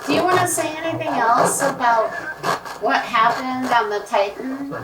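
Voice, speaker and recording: Woman, fairly high voice, paranormal investigator, short probing questions, echoey noisy recording. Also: normal speed. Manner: repeats and interprets short replies, asking question after question. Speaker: paranormal investigator hosting a spirit box session. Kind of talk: questioning spirits aloud, pausing for replies. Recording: echoey, distant mic, noisy with clicks.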